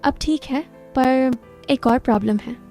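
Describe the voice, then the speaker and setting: A shy young man, bashful and hesitant, talking a little high for a man, voiced by a woman telling the story. The tone is soft and mellow, with faint music underneath. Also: measured pace, vocal fry.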